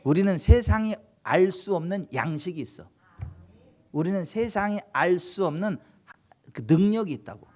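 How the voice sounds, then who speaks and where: Fervent male pastor preaching. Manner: emphatic preaching with rhetorical questions; swings between loud exhortation and hushed low delivery. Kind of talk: Korean sermon at a Friday late-night service.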